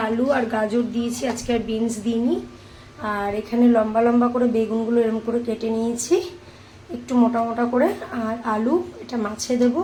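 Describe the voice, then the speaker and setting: A woman's voice: a little high, a little mellow, a little hiss or hum, rough recording. A woman from India chatting through her home cooking for a vlog, describing each step to viewers in a kitchen. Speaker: vlogger. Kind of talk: casual cooking vlog narration.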